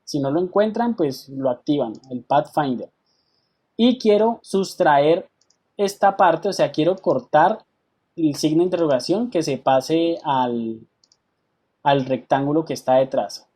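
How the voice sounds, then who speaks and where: Patient male software teacher. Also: fairly high pitch, husky. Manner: patient step-by-step explaining, checks in with students. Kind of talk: online software class.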